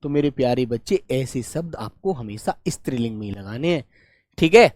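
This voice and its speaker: A man teaching a grammar class for exam students, warmly coaxing and asking questions that he then answers himself. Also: mid-range voice, expressive. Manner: warm coaxing, calls students "beta", asks and answers his own questions; stretches key words slowly while dictating notes.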